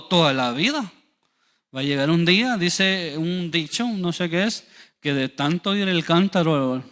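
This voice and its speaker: Preacher in a reverberant church. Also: male voice, a little high. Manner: storytelling, animated, acts out quoted voices. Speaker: pastor. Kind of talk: sermon. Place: church hall.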